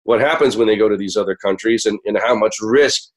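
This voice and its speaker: An American man hosting a radio show, sick and hoarse, his voice cracking as he talks conversationally to listeners. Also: lowish voice, fairly quick.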